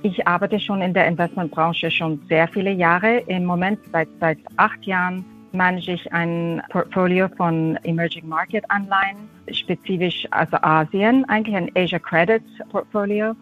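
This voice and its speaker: A middle-aged woman with an English-tinged accent, a fund manager answering interview questions haltingly, repeating words and slipping into English terms. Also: fairly low pitch, steady tone, soft background music. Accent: English-tinged German. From half Austrian, half Japanese. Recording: tinny phone-like line.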